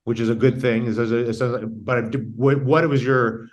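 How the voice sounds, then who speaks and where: A man with a medium-pitched voice hosts an interview show. He speaks conversationally, in a halting way, restarting and rewording his questions as he goes. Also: steady tone, muffled recording.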